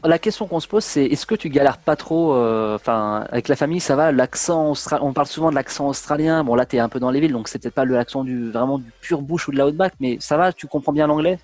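A man talks quickly as the host of a casual interview, tripping over his words and restarting often. His voice sits at a middle pitch and sounds dry and close, with no room around it. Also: darkish tone, no room sound. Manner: fast, chatty, full of restarts and fillers. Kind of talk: casual interview and travel advice.

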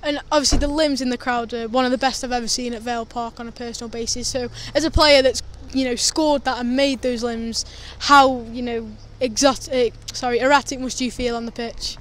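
A teenage boy with a high voice conducts a post-match interview outside a football ground. He asks eager, prepared questions into a handheld mic, with faint street noise behind him. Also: steady tone, brisk, few pauses, a bit bright. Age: teens. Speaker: fan interviewer.

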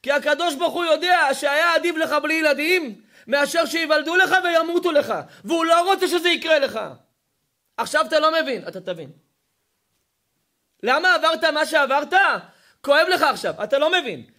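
A rabbi preaching with a very high, bright voice. He moves between storytelling and pointed rhetorical questions and presses each point hard. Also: animated. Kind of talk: sermon.

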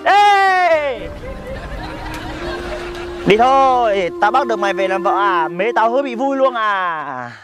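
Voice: medium pitch, very animated, slow, pauses often, music in the background, a crowd in the background. A performer playing a boastful, goofy young village man who is out to catch a wife, in a comedy sketch. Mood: bossy. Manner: loud, clowning, laughs at own jokes. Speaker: comic lead.

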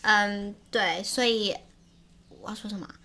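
A woman's voice: mid-range voice, steady tone, normal speed, pushed and bright. A woman from Taiwan co-hosting a casual podcast, speaking Taiwanese-accented Mandarin mixed with English words. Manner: cheerful, mixes Chinese with English words. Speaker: podcast co-host. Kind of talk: casual bilingual chat.

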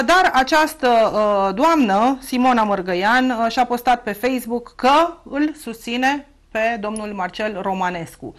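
A man hosting a political talk show who moderates in a measured way, prompting his guest and often pausing with hesitations. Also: very high voice, fairly bright tone.

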